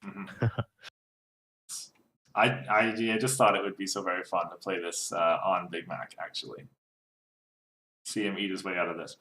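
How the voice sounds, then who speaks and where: A man with a low voice co-hosts a casual card game chat, stumbling through restarts and fillers as he explains. His voice rings with a noticeably roomy echo. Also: fairly even intonation, normal speed, long pauses, sharp tone. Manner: hesitant, many fillers and restarts. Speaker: co-host.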